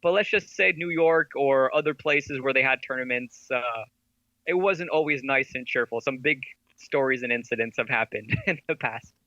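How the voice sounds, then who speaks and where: A man guesting on a podcast as an esports veteran and company head, telling stories in an animated way and laughing often. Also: mid-range voice, moderate pace, no echo, lo-fi sound. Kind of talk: casual podcast interview.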